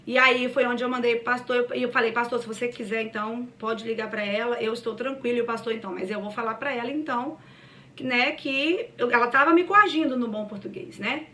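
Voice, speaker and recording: Higher voiced woman telling her church testimony, earnest, mic kinda far off. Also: fairly even intonation, fairly quick, sharp tone. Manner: earnest, storytelling, addresses listeners as "gente". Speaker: church cell group speaker. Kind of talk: personal testimony to a group.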